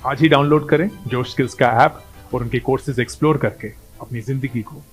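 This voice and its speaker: Guy doing a sincere promo outro, regular middle pitch, soft music underneath. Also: fairly even intonation, fairly quick. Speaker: promoter of the app's courses.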